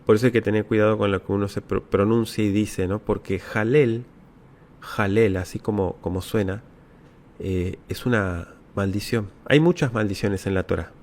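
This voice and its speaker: A low-pitched man from Latin America explains scripture to viewers in a patient teaching manner. He repeats his key words and keeps checking in with quick rhetorical tags. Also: darkish tone. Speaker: Bible teacher. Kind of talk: answering viewer questions.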